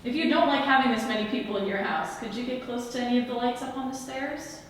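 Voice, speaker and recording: Woman paranormal investigator, higher-voiced, casual questioning, heard through heavy reverberation in an old house. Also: fast talker. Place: large echoey old house interior. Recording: very echoey house, distant mic, rumbling noise.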